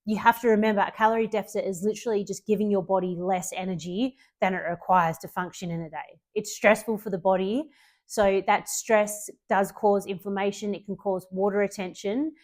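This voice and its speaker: A woman's voice: mid-range voice, steady tone, brisk, darkish tone. A woman fitness coach giving a casual spoken tutorial to her clients, chatty and loose, with frequent ums and self-corrections.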